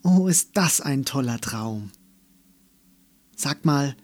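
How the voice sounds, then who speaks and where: A man's voice: mid-range voice, expressive, slow pace, no echo. A man voicing a curious little girl. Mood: delighted. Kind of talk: storybook reading.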